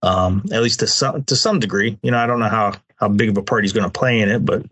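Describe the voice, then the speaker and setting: A man co-hosting a podcast in casual chat, relaxed and agreeable, with lots of fillers and restarts. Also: fairly low pitch, fast, slightly rough. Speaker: podcast co-host.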